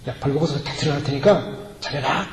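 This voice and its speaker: A man's voice: fairly high pitch, quick pace, crowd noise. A male pastor preaching a sermon emphatically, acting out prayers and quoted voices, recorded in a church sanctuary. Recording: echoey hall reverb, faint ambience.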